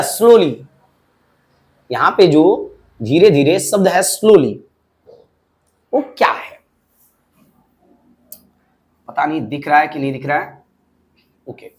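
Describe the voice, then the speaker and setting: Lively man teaching an English lesson. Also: on the high side. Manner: lively explaining, asks frequent checking questions. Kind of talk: classroom lecture.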